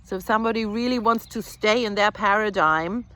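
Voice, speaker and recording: A woman healer giving an earnest, reflective spiritual talk, repeating phrases and pausing softly. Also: medium pitch. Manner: slow, earnest, with soft pauses and repetitions.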